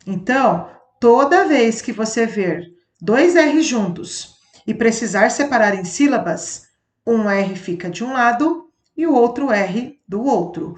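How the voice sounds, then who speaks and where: A woman with a fairly high voice gives a classroom phonics lesson at a slow, deliberate pace. She drags out example words and enunciates every syllable carefully. Her voice echoes around the room. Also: animated. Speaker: teacher.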